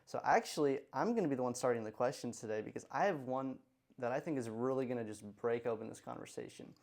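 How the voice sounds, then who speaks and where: Young man, podcast co-host, gravelly fry, monotone, calm, reserved. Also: medium pitch, fast talker. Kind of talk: casual podcast chat.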